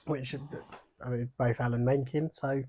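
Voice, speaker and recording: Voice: medium pitch, fairly even intonation, unhurried, mellow. A podcast co-host chatting casually about a film, with dry, observant remarks. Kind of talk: casual chat.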